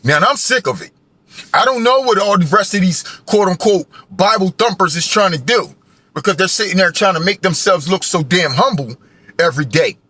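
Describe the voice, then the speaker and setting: A man's voice: high-pitched, animated, a little fast, sharp tone, slightly rough, dry recording. A man in his forties ranting in a heated, profane, preachy monologue, often tacking on "right?". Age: 40s. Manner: heated, profane, preachy, repetitive tag questions. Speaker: vlogger. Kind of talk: angry monologue rant.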